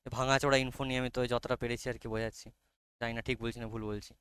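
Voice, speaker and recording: Bengali-accented male teacher, bright crisp tone, coaxing and patient, reads English lines slowly. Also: mid-range voice, level tone, no echo. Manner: coaxing, checks often if students follow. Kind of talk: explaining a literature lesson to students.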